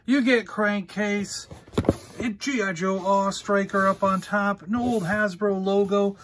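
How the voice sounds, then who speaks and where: A man's voice: high-pitched, fairly even intonation, slow, background noise. A man hosting a casual toy unboxing, rambling easily as he handles the pieces and talks through them. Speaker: toy reviewer and podcast host.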